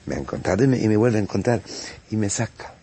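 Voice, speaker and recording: A man, a priest giving a homily on the day's Gospel, impassioned and repetitive, halting often to restart his phrases. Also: lowish voice, expressive, dark tone, breathy edge. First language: Italian.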